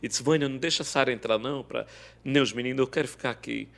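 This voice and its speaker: A man's voice: quick pace, vocal fry. A man telling an emotional faith testimony as a podcast guest, acting out every quoted line of dialogue. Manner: animated, acts out quoted dialogue with big swings in pitch and loudness.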